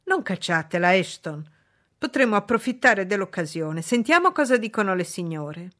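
A woman's voice: medium pitch, big pitch swings, normal speed, fairly bright tone. A woman voicing a courteous, playful male colonel in a read-aloud novel, addressing the ladies politely. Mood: scheming. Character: genial, scheming middle-aged male colonel.

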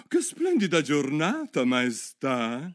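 A man doing a needling, sharp-tongued duchess. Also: wildly swooping pitch, measured pace, heavily acted. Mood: fawning. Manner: high, needling tone. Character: fawning sharp-tongued duchess, woman, moralizing.

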